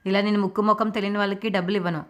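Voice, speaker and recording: A woman's voice: medium pitch, fairly even intonation, very fast, lightly acted. A woman voicing a stern, dismissive older moneylender man, curt and scornful.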